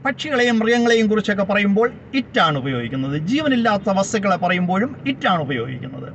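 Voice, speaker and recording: High, lively-voiced male grammar teacher. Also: fast talker, vocal fry. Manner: spells words out letter by letter and gives each translation. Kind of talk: slow explanatory grammar lesson. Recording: slightly dull lo-fi recording with faint background noise.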